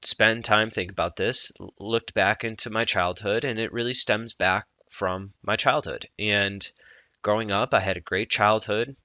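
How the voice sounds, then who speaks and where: A man speaking as a coach in a personal vlog, earnest and reflective, often halting mid-thought. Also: on the low side, steady tone, sharp tone, no echo, muffled recording.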